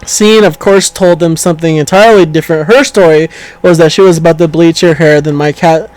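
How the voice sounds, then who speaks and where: A man's voice: fairly high pitch, steady tone, brisk, a little mellow, poor audio. A man casually reading an online story aloud to a co-host, stumbling over words and correcting himself as he goes. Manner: reads aloud with stumbles, self-corrections and laughter.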